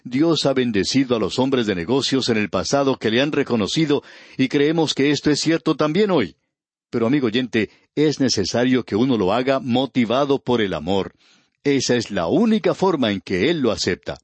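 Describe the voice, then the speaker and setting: Husky man reading a radio Bible study. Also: medium pitch, expressive, moderate pace, no room sound. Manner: earnest, addresses the listener directly. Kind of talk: scripted radio Bible teaching.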